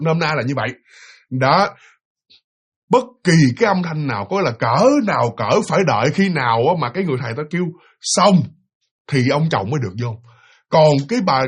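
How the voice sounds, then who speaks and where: A man's voice: on the high side, slightly rough. A man with a Southern Vietnamese accent telling a ghost story in a casual, chatty way, often talking straight to his listeners. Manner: animated, chatty, addresses listeners directly.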